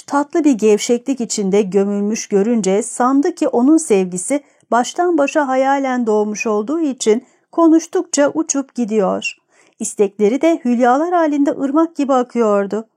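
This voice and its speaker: A woman narrating a novel in a steady, even reading. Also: a little high. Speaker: audiobook narrator.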